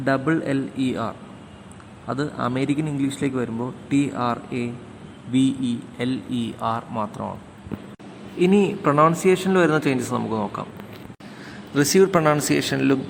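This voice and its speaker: A male lecturer with a gravelly voice, working through his material step by step and spelling out words letter by letter. His voice carries a long reverb, with faint noise underneath. He speaks at a middling pitch. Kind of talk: explanatory lecture.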